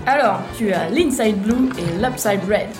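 A woman playing a teasing, mysterious bar keeper in an interactive audio drama, coaxing and deliberate. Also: medium pitch, expressive, over music, lightly acted.

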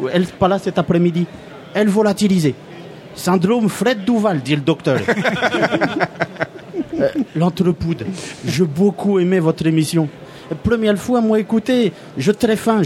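With a high voice and a dark tone, a man performs a comic radio role: a cheerful, naive refugee from a made-up Balkan land. He puts on a foreign accent and mangles French grammar, skipping verbs and articles, against slight background noise.

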